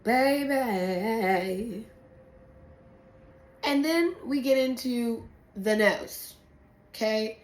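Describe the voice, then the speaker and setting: Speaking slowly in a slightly high voice, a female sommelier chats to camera as she walks through a blind wine tasting, her manner playful, full of slang and swearing. Faint background noise and a roomy echo fill the recording.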